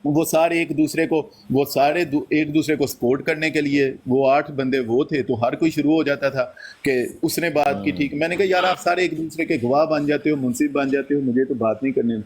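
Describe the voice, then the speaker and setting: A man casually recounting a debate, quoting his own lines back and forth as he tells it. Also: on the high side. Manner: recounts events and quotes himself in lively dialogue. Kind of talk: casual storytelling.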